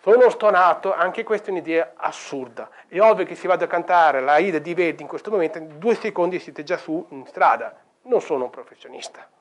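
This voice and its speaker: A man's voice: fairly high pitch, animated, brisk, few pauses. A middle-aged man giving a lecture on sound healing in a bookshop, telling stories and singing vowels as examples. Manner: chatty storytelling, demonstrates sung vowels.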